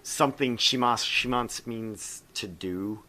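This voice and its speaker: Speaking at a medium pitch in an unhurried, pushed and bright way, this gaming show host reads a visual novel aloud during a casual playthrough. He goofs around and jokes, moving back and forth between the text and his own banter.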